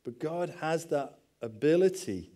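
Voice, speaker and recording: A middle-aged man delivers a sermon as a pastor. He talks in a chatty, anecdotal way, with wry jokes at his own expense. His voice sits slightly higher than most men's. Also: animated, measured pace, warm tone. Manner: conversational preaching with asides and self-deprecating humor.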